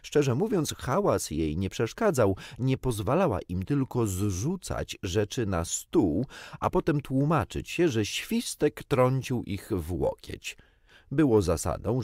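A man reading a children's book aloud in an expressive, playful manner. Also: medium pitch, no echo, studio quality. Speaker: audiobook narrator. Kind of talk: storybook narration.

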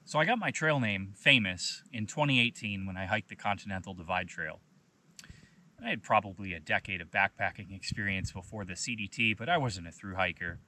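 A man in his thirties, a hiking vlogger, telling a personal story in a relaxed, conversational way and often saying "you know". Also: lowish voice, a little fast, a little hiss or hum. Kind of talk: casual storytelling to camera.

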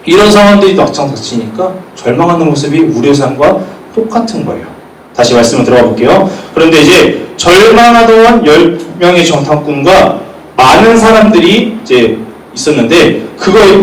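A man, a youth pastor, giving a chatty sermon to teenagers and often asking them questions. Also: fairly high pitch. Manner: lively, chatty, asks the room questions. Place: church room. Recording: echoey room, mic at a distance, faint noise.

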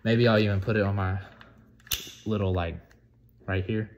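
An eighteen-year-old man from the United States chatting casually on a vlog, excitable, profane and rambling. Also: lowish voice, normal speed, highs cut off, a little hiss or hum. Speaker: vlogger.

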